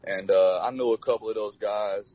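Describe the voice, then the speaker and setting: A man's voice: on the low side, steady tone, normal speed. A young man in his twenties, a college football player, answering interview questions in a laid-back way, full of "you know" fillers. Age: 20s. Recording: dull lo-fi recording.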